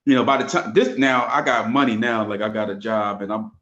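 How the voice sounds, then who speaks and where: A man's voice: on the low side, a little fast, crowd noise. A man co-hosting a podcast in casual chat, speaking reflectively and wandering through his thoughts with many fillers. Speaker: podcast co-host. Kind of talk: casual podcast chat about hip hop. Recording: dull lo-fi mic.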